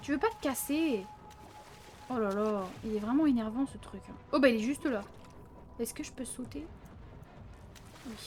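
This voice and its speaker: In this casual let's play, a woman speaks into a close desk microphone, addressing her viewers in a chatty way, often saying "hein" and yelping when things get tense. Her slightly high voice has a darkish tone and a moderate pace, broken by frequent pauses.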